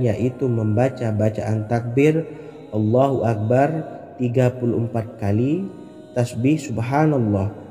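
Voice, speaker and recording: A man giving scripted religious narration, in a measured way and reciting Arabic phrases. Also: medium pitch, dark tone. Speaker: Islamic devotional narrator. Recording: long hall reverb, faint music.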